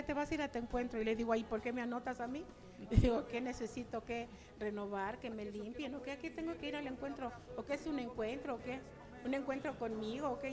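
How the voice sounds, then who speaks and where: An older woman giving a chatty personal testimony to her church, acting out remembered dialogue. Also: a little high.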